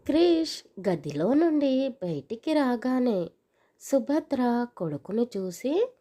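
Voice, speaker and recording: Slow, mellow woman narrating a story. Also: on the high side. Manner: calm, steady storytelling. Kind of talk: audiobook narration.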